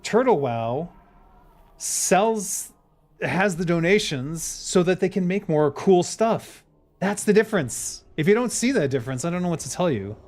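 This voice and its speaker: A man's voice: high-pitched, expressive, a little slow, a little mellow. A man on a livestream, talking over a headset mic while he plays a game, muttering to himself and thanking viewers. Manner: mutters to himself while playing, then speeds up to argue a point. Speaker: streamer. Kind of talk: casual gameplay livestream chat.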